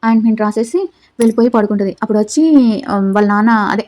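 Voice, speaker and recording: A woman's voice: medium pitch, little pitch movement, very fast, a little mellow. A woman hosting her own channel, chatting casually through a recap of a reality show and acting out what the contestants said. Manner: chatty retelling that acts out the quoted dialogue. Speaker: YouTube channel host.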